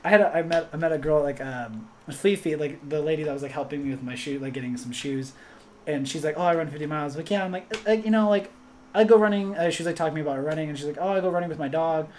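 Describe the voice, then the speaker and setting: A young man chatting casually, rambling with lots of fillers and animated storytelling. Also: fairly high pitch, fast, slight background noise. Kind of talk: casual chat.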